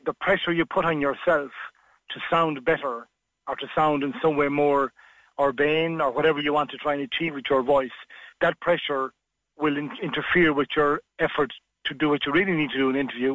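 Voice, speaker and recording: A man's voice: fairly high pitch, fairly bright tone, no echo, muffled recording. A man giving frank, discursive interview advice on a radio call-in, with many fillers and restarts. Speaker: interview coach.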